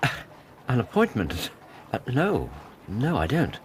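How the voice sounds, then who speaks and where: Doctor Watson, very animated gentleman. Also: medium pitch, unhurried, slight background noise. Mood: polite, flustered. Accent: English. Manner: courteous, hesitant, animated. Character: Doctor Watson, genial, polite English gentleman doctor. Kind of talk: radio drama dialogue.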